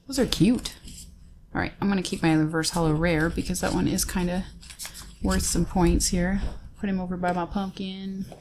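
A woman's voice: fairly low pitch, steady tone, normal speed, background noise. A woman hosting a casual card-pack unboxing, chatting and naming each card aloud with easy laughs. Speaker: host opening trading card packs.

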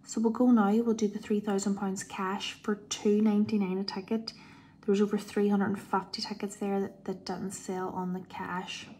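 Mellow woman calling numbers like bingo. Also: medium pitch, level tone, moderate pace. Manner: bingo-caller style number calling with rhymes. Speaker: prize draw host. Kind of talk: live online prize draw commentary. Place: indoors, filming a tablet screen. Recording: clear background noise.

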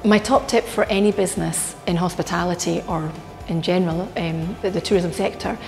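Middle-aged woman, hotel director, earnest, halting delivery, loud music bed. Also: on the low side, fairly even intonation, vocal fry. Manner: earnest, with frequent ums and restarts. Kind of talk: filmed workplace interview. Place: indoor hotel bar. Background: background music.

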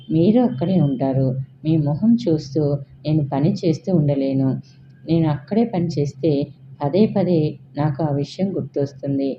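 A woman's voice: low voice, lightly acted. A woman voicing a hurt young middle-class woman who firmly refuses her boss, in a tearful, firm manner. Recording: dull, faintly hissy recording.

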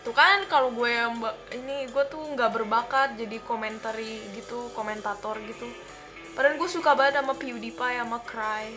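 A young woman from the Jakarta area telling a rambling story while playing a game, often breaking off to react loudly to what happens on screen. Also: fairly high pitch, steady tone, moderate pace, music in the background. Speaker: gameplay commentator. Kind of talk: casual gameplay commentary and storytelling.

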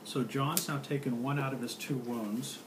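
A middle-aged man demonstrates a card game, explaining the rules as he plays, captured by a handheld camera across the table in a small room. His voice is medium-pitched and steady, at a moderate pace. It's a noisy amateur recording.

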